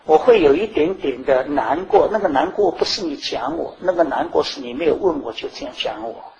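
A man preaching a sermon, telling stories from his own life and swinging between loud, high bursts and quiet asides. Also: a little fast, vocal fry, lo-fi sound, a little hiss or hum. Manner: animated, rising and falling sharply in pitch and volume.

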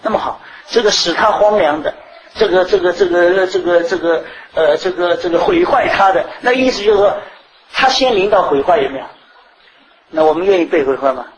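A man delivers a sermon with a somewhat high-pitched voice. His delivery is animated, climbing into loud, high bursts and then dropping to quiet, low asides. A faint background hiss sits under the recording. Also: fairly quick, rough recording. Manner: animated, rising and falling sharply in pitch and volume. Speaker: preacher.

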